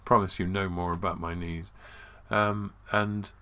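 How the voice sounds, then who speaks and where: Host, male, low voice with a bright edge, chatty and self-mocking. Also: level tone, measured pace, clear, resonant tone. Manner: rambling, self-mocking storyteller. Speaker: podcast host. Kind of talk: casual chat.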